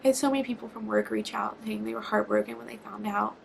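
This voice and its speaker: A woman's voice: mid-range voice, steady tone, fast talker, vocal fry, a little hiss or hum, poor audio. A young woman from Georgia, chatty and near tears as she tells a personal story for her vlog. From Georgia, USA. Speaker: vlogger.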